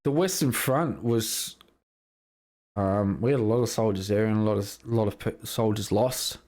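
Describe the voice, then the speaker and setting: A man's voice: lowish voice, normal speed, a little mellow. Sweary laid-back Australian man. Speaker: podcast co-host. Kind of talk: casual chat between mates.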